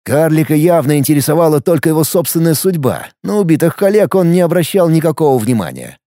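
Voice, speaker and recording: In this scripted audiobook narration, a man tells the story expressively, his somewhat high voice carrying a gravelly edge and a lively, moving pitch. He talks quickly, and the recording is dry and close with no room sound.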